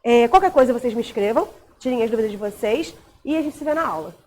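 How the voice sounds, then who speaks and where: A woman's voice: fairly high pitch, expressive, fast, noisy background. A woman teacher with a Brazilian Portuguese accent, explaining a recorded grammar lesson and checking in often with short tag questions.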